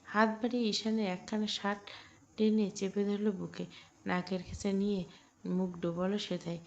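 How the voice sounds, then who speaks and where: A woman tells a romantic audio story in a calm, even voice with a gravelly edge. The recording sounds dull and lo-fi. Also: medium pitch, moderate pace. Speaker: narrator.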